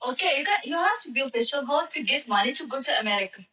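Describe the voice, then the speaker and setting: A woman's voice: high-pitched, animated, rapid-fire, pushed and bright, far from the mic. A woman chatting casually on a live-stream app, speaking in a playful, teasing manner. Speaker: language exchange chat partner. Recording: echoey and off-mic.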